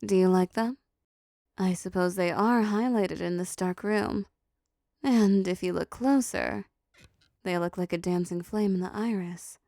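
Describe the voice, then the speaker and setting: The speaker is a woman portraying a seductive, possessive female demon, slowly teasing the listener with condescending endearments in an intimate audio roleplay drama. She has a fairly low, creaky, dark voice and a seductive, soothing mood. The studio-quality audio has no echo.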